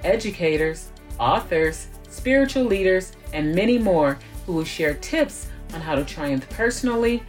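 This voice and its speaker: A woman's voice: on the low side, lively intonation, a little slow, few pauses, faint music behind. A woman hosting an interview podcast, reading a scripted intro and then asking encouraging questions. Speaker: podcast host.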